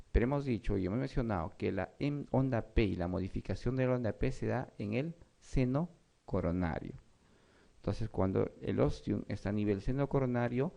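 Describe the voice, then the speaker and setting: Gravelly, low-toned man lecturing. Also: warm tone. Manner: checks in with students often. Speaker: medical lecturer. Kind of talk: exam review lecture.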